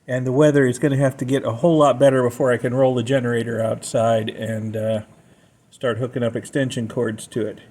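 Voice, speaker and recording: Filming a homemade vlog at his house during and after a storm, a homeowner casually narrates what he sees. His medium-pitched voice is flat, brisk and a little mellow, and the handheld recording picks up background noise.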